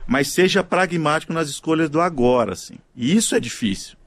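Fast-talking man in interview clip. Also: a little high, lively intonation, no echo. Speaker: business founder.

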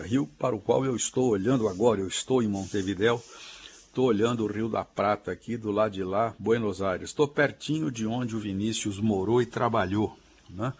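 Low, husky-voiced man as the radio's language professor, patient and chatty. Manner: chatty, explains patiently with asides. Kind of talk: explaining spelling rules on air, casual. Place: remote line from abroad.

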